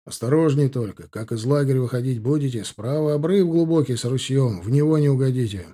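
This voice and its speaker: A friendly, chatty infantry staff captain, voiced by a man. He talks familiarly in a mellow, darkish voice. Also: medium pitch, fairly quick, lightly acted.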